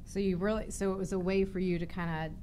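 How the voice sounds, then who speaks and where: A woman's voice: mid-range voice, little pitch movement, quick pace, warm tone, a little hiss or hum. A woman hosting a podcast interview, talking earnestly and thinking aloud with restarts and fillers. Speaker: podcast host. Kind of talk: conversational interview.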